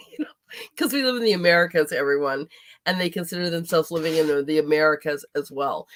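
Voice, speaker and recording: An enthusiastic woman hosts an interview in a loose, casual way. She talks in long, chatty runs and turns often to address her audience directly. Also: sits low. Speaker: host.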